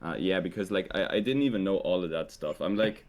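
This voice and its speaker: Young guy, really low voice, laid back, lots of likes and ums. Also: fairly quick. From Switzerland. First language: Swiss German. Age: young adult. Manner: relaxed, hesitant, heavy use of "like" and "um". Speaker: guest. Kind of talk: casual conversation.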